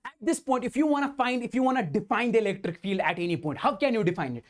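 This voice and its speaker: Guy teaching physics online, bouncy pitch, keeps asking "understand?", voices the students as "sir". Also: animated, quick pace. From India. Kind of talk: online exam-prep lecture.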